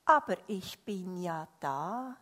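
A woman voicing a calm, gentle divine visitor who speaks quietly in a story. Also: on the low side, takes it slowly, voice pushed down, full character voice. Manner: quiet, soft-spoken.

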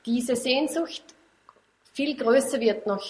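A woman interpreting a sermon line by line, quick and plain with small restarts. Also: sits high, a little mellow, echoey room, rough recording. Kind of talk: live sermon interpretation into German. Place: hall without audience.

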